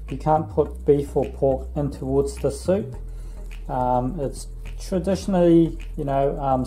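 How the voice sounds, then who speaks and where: A man in his thirties from Laos, casually explaining a recipe in his home kitchen, chatty and relaxed, filming himself at arm's length. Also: on the high side, rough recording. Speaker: vlog host. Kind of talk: casual cooking vlog.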